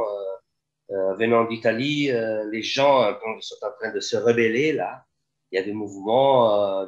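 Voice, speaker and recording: A man who works as a sound engineer, chatting as a guest over a video call in a halting way, with many fillers. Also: lowish voice, lo-fi sound.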